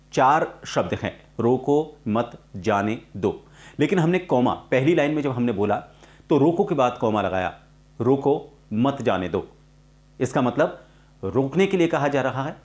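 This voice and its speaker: Man teaching voice-over, slow deliberate pauses. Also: medium pitch, lively intonation, a little mellow. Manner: frequent "uh" fillers. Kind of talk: spoken lesson on voice-over.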